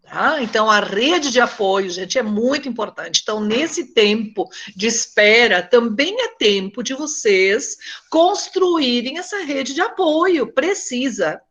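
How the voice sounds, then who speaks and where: A woman's voice: a little high, expressive, unhurried, fairly bright tone, muffled recording. An older woman from Brazil with a Northeastern Brazilian accent. She is a psychologist who gives a conversational talk to a support group, telling stories and often checking in with her listeners. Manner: conversational, tells stories, often asks "né?" and addresses the group as "gente".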